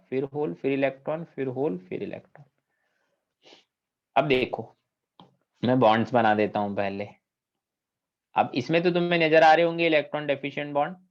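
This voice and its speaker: A man teaching chemistry in a classroom lecture, asking students questions and mixing English terms into his Hindi. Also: mid-range voice. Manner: asks the class questions and checks understanding often; mixes English technical terms into Hindi speech. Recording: dull lo-fi recording.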